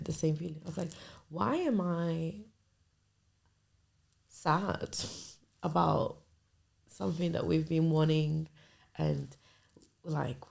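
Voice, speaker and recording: A young woman in her twenties shares a personal story on her podcast, speaking candidly and hesitantly. Her voice sits low and carries a strong gravelly fry. The tone is warm and husky. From Nigerian family. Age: 20s. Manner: candid, hesitant, trails off and restarts. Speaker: podcast host. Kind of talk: personal storytelling, casual confessional.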